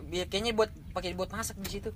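A man's voice: high voice, fairly even intonation, fast, noisy background. A man telling a camping ghost story in casual chat, rambling and slangy. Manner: rambling, slangy, repeats himself while describing. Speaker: storyteller on a horror podcast.

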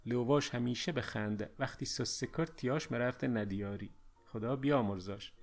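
Man narrating a reflective story. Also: mid-range voice. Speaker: audiobook narrator. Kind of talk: first-person story narration in dialect.

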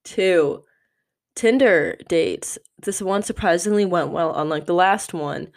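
A woman's voice: lowish voice, takes it slowly. A woman in her twenties hosting a solo podcast, talking candidly and rambling with lots of "like" fillers. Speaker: podcast host.

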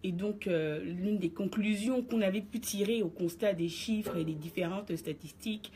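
At a normal speed and with a warm, medium-pitched voice, a woman reads her radio commentary in the studio, with slight background noise present. She argues her position to the audience assertively, in a lecturing style.

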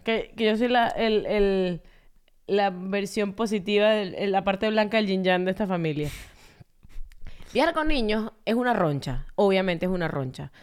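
A woman's voice: mid-range voice, lively intonation, normal speed, smooth. A woman in her thirties co-hosting a casual podcast chat, telling stories with laughter and animation. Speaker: podcast co-host.

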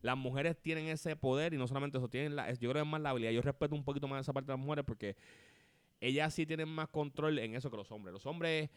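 A man, co-hosting a podcast in casual chat and telling stories in a rapid, animated way full of slang. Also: medium pitch, clear, resonant tone, no echo. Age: 30s. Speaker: podcast co-host.

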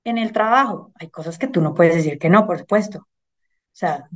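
A middle-aged woman with a Colombian Spanish accent, speaking as an interview guest in an earnest, animated way and often checking in with "¿sí?". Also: on the low side, moderate pace. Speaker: finance director, guest. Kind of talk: casual conversational interview.

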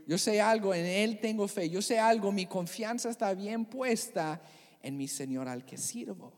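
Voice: medium pitch, measured pace, lightly acted. A preacher voicing a faithful man who firmly declares his trust, with long hall reverb. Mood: resolute. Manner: firm, resolute declarations.

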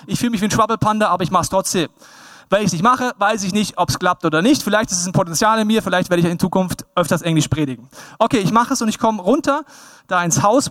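A man in his thirties from Bavaria, preaching a sermon with a slight tinge, animated and often acting out the people he quotes. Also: high voice, no room sound, clean studio sound. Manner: lively, animated, acts out quoted people in raised voice. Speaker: pastor.

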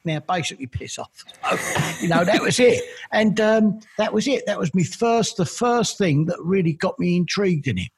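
A man's voice: sits high, moderate pace, breathy edge. A middle-aged man from East London with a Cockney accent, chatting through long rambling stories as an interview guest. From East London, England. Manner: chatty, rambling, repeats "I've got to be honest". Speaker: interview guest, militaria collector. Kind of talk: casual storytelling interview.

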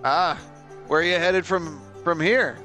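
A man's voice: a little high, a little slow, sharp tone, soft background music. A man voicing an easygoing, welcoming old tavern keeper in a tabletop role-play.

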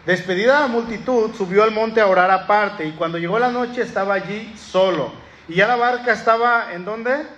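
High-voiced man preaching in an echoey hall. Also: moderate pace, muffled recording. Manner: lively, calls out to the congregation. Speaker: pastor. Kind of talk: sermon. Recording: echoey hall with room ambience.

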